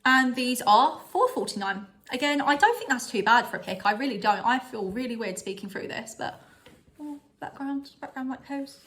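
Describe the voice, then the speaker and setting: A young woman at home, in front of a styled background, vlogs a casual holiday decor haul, bubbly and chatty and often laughing at herself. Her voice is on the high side, a bit bright, brisk, with lively intonation.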